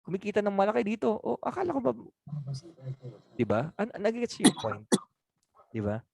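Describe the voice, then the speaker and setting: A man's voice: high-pitched, huge pitch swings, normal speed, vocal fry, darkish tone, husky, dry recording. A man giving a casual training talk on answering sales objections, chatty, laughing often, and asking for agreement.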